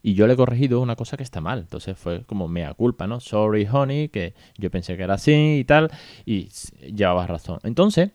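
A man's voice: lowish voice, a little mellow, no room sound, clean studio sound. A man with a Spain Spanish accent, hosting a casual podcast monologue as a father, chatty and colloquial, with asides to his listeners.

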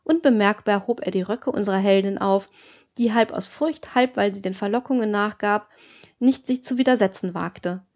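A woman narrating an audiobook in a calm, even reading voice. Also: medium pitch, moderate pace. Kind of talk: scripted narration.

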